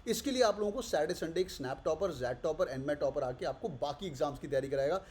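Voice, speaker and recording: Man, young adult, exam-coaching teacher, high-pitched, energetic sales pitch, voices his students' questions. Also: a little hiss or hum. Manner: energetic, switches quickly between languages, voices student questions. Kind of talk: course promotion pitch.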